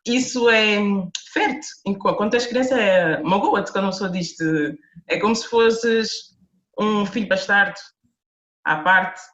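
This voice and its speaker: On a podcast with roomy, dull lo-fi sound, a woman author from Portugal with a Lisbon accent talks as an interview guest. Her medium-pitched, fairly bright voice is unhurried, and she reflects earnestly, frequently beginning her sentences again.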